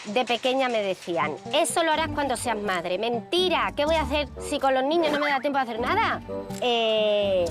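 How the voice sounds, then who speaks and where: Playful woman with a higher voice. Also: lively intonation, moderate pace. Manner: playful, teasing questions. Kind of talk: casual chat. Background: loud background music.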